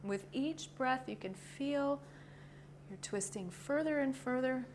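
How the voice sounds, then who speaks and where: A woman leading a yoga class with short, calm cues in a gentle, encouraging, informal way. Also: high-pitched, slow. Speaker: yoga instructor. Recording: clearly noisy ambient background.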